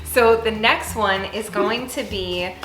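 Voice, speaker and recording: A woman's voice: medium pitch, takes it slowly. A woman hosting a cooking show, bubbly and chatty as she demonstrates a recipe. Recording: echoey room with loud music.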